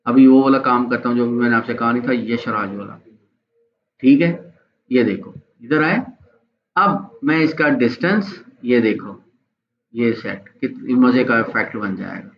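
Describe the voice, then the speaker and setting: A man leads a live online design software class in a chatty, encouraging way and keeps checking in with his students. His voice sits at an ordinary middle pitch. The audio is slightly dull and lo-fi. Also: slight background noise. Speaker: graphics teacher.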